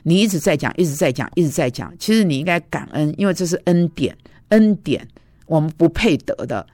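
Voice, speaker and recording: A woman's voice: low voice, lively intonation, a little fast, warm tone, no room sound, studio quality. A woman preacher giving a conversational, storytelling sermon, recounting arguments and dialogues from her own life.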